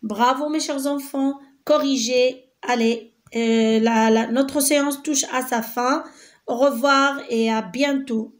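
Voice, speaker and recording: A woman teacher giving a lesson to young children, gentle and patient, repeating each word slowly and clearly. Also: high voice, fairly even intonation. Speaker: primary school teacher. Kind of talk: slow, patient classroom lesson.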